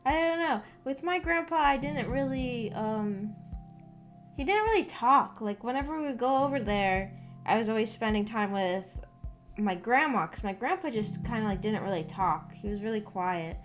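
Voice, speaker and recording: Over background guitar music, a young woman in her early adult years talks at a normal speed in a fairly high voice. Her casual livestream chatter is rambling and hesitant, with thoughts left unfinished.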